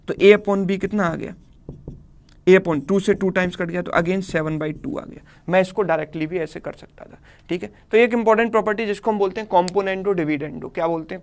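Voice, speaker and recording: Man, Indian English accent, live online math teacher, step-by-step explainer who keeps checking in. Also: high voice.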